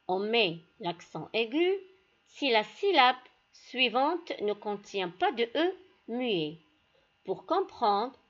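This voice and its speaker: A woman teacher giving a classroom lesson, speaking deliberately and addressing her pupils directly. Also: on the high side, muffled recording. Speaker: primary school teacher.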